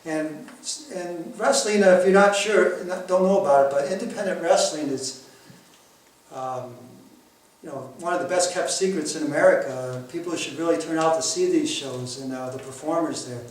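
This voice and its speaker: A man speaking haltingly in casual interview chat, endorsing local wrestling shows with many hesitations. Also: on the high side. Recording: very echoey room, distant mic.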